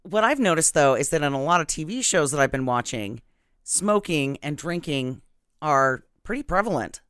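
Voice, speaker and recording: A woman's voice: low-pitched, expressive, normal speed, a bit bright, smooth, dry recording, clean studio sound. A woman co-hosting a podcast in casual banter, blunt, wry and freely profane. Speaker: podcast co-host.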